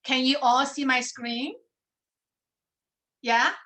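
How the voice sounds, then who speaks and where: Bright-voiced woman from China. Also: high voice, steady tone, slow, rough recording. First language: Chinese. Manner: warm storytelling, tag questions like "right?". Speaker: professor and panel speaker. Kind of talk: personal presentation on a video call. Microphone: video call.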